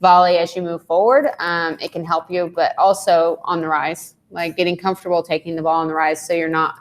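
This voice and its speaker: A woman's voice: lowish voice, level tone, a little fast. A woman tennis coach explaining match strategy in a casual live panel chat, with lots of "um" and "like". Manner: explanatory, many fillers like um and like.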